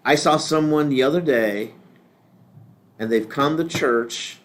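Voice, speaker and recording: A man's voice: medium pitch, measured pace. An older man teaching a lay ministry class in a casual, rambling way, often restarting his sentences.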